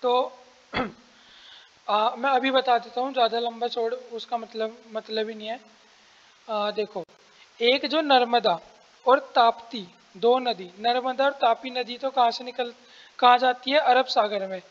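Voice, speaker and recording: A man teaching an exam-prep lesson, explaining step by step, asking and answering his own questions and clearing his throat often. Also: very high voice, steady tone, a little slow, a bit bright, in a large hall, dull audio.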